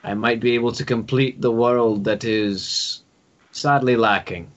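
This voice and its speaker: A man role-playing a calm, noble and determined adventurer in a tabletop game, speaking in a composed, formal, measured way. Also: medium pitch, muffled recording, natural voice. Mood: calm resolve. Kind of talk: in-character tabletop role-play.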